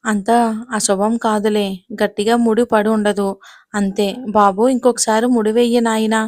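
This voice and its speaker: A woman's voice: mid-range voice, flat delivery, normal speed, a little mellow, no echo, clean studio sound, close to an everyday voice. A woman voicing a kindly older temple priest who speaks reassuringly.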